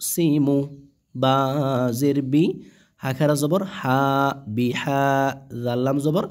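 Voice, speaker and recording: Slow patient male Quran reading teacher. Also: mid-range voice, a little mellow. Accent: Bangladeshi Bengali. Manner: patient, spells letter by letter and drills repetition. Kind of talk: slow spelling-out Quran lesson.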